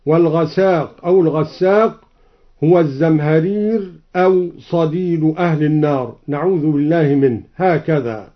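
A man teaching Quranic reading variants, explaining each in measured speech and then chanting the verse melodically. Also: a little high, lo-fi sound.

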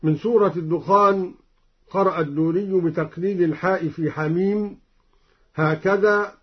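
A man teaching the readings of sacred verses, explaining each point in a measured voice and then chanting the verse melodically. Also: high-pitched, fairly even intonation, slightly rough. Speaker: Quran recitation teacher. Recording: dull lo-fi recording.

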